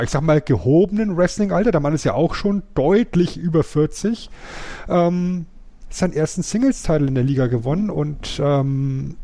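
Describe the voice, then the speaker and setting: Guy with a mellow, kinda high voice hosting a casual podcast, lots of ums. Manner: hesitant, many fillers. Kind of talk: casual wrestling chat.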